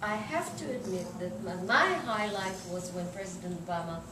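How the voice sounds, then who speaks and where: A middle-aged woman speaks English with an Israeli accent, recounting her experiences as an interviewee. She often pauses to hunt for the right word. Her medium-pitched voice is picked up from across a living room, with noticeable echo and noise. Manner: halting, searching for words in non-native English. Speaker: journalist being interviewed. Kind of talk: informal interview, telling personal anecdotes. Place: indoors in a living room, seated on an armchair. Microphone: distant camera microphone. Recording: roomy, noisy recording from a distance.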